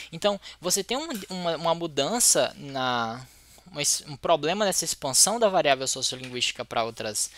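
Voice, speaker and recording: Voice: medium pitch, a bit bright, no echo. A teacher with a Brazilian Portuguese accent giving an explanatory lecture, thinking aloud and restarting words mid-sentence.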